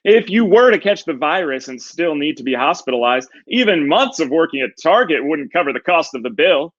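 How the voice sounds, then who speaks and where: Man playing a booming, showy game show host. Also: big pitch swings, a little fast, fairly bright tone, lo-fi sound. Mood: smug. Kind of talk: theatrical game show presenting.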